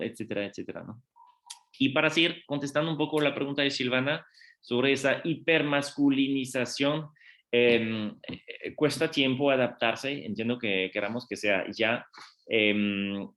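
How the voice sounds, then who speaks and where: Man, lecturer, non-native speaker, conversational academic talk, thoughtful, mid-pitched voice, checks in with the audience. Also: a bit bright. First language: not Spanish. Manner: thoughtful, addresses the audience with tag questions. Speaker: university lecturer answering panel questions.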